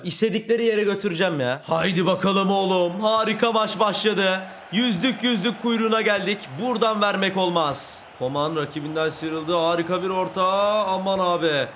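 Excitable high-voiced man commentating his game. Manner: shouts and scolds players, swings between yelling and muttering. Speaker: gaming YouTuber. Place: a room at home, recording at night.

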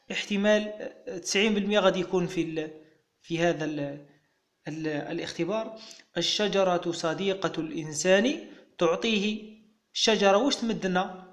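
A man with a Moroccan Arabic accent, a teacher patiently walking young pupils through exam answers step by step. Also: sits high.

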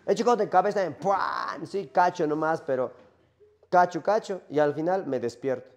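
A man's voice: a little high, moderate pace, highs cut off, lightly acted. A man acting out a lonely male Minotaur who longs for death, speaking in a rambling first-person monologue full of rhetorical questions. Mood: morbid.

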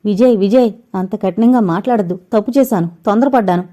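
A remorseful young woman, read by a woman narrator, pleading tearfully in a soft, mellow voice. She speaks as a character in a storybook audio novel. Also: medium pitch, fairly quick, close to an everyday voice.

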